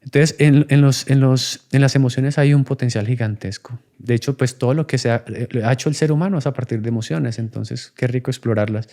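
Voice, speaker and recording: A man's voice: medium pitch, a little fast, few pauses, dark tone. A man, talking in a reflective, conversational way as a podcast guest, acting out children and parents in his examples. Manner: acts out child and adult voices in examples.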